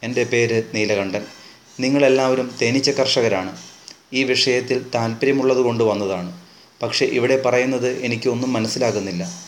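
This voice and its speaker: A man's voice: mid-range voice, moderate pace, a little hiss or hum, lightly acted. A man voicing a reclusive man who addresses a village meeting in a resonant, commanding voice, in an audiobook reading. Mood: polite. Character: reclusive man with a manly booming voice. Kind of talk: audiobook narration.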